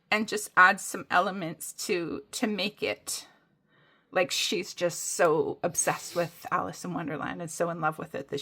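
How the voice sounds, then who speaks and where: Woman, casual vlogger, chatty and rambling, mid-pitched voice. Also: vocal fry, pushed and bright. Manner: chatty, rambling, many fillers and restarts. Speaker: coloring hobby vlogger. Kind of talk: casual show-and-tell chat.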